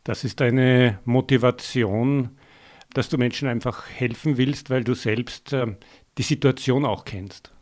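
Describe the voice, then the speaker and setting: A man with an Austrian German accent hosts a community radio show, introducing topics and interviewing a studio guest. His mid-range voice is steady, measured and a little mellow, but he hesitates with many fillers when asking questions.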